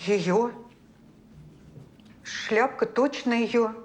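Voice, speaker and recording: Folksy maid in old-time detective drama, slow hesitant talker, highish voice. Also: female voice. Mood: wary, recollecting. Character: plain-spoken, hesitant former servant woman answering an investigator. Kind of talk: period detective series acting.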